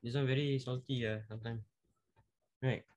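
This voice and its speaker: A young man with a Singaporean accent on a casual podcast, joking, swearing and jumping in with quick interjections. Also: mid-range voice, fairly even intonation, a little mellow.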